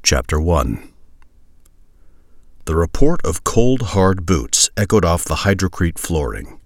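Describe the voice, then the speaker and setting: A man narrating a crude comic sci-fi story in a measured, deadpan way. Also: low voice, no echo, studio quality. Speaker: audiobook narrator.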